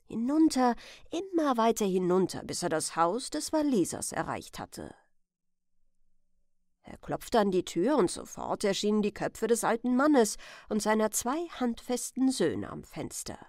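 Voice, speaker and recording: Slow, soft-voiced woman telling a bedtime story. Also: medium pitch, sing-song, no room sound, clean studio sound. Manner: soft and slow, whispering at tense moments. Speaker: audiobook narrator.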